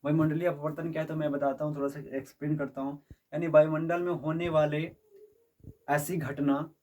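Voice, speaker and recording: Guy teaching physics to a class, kinda high voice, mic far off, keeps asking "you get it?". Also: little pitch movement, fairly quick, darkish tone. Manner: quizzes students with repeated questions and checks understanding. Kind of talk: classroom lecture. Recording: voice from a distance.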